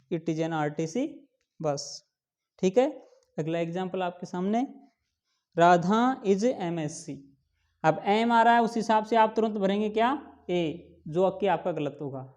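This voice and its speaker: A man with a warm, mellow voice teaches a grammar lesson. He asks his students questions and answers them himself, stretching out each example word slowly and stressing the key points. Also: high voice. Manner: drawn-out slow pronunciation of examples. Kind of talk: classroom lesson explaining English grammar.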